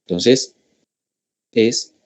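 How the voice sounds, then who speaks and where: A man's voice: drawn-out words, darkish tone. A man with a Colombian Spanish accent giving a workshop talk to parents, explaining step by step and often checking in with "¿cierto?" and "¿sí?". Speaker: school family workshop speaker.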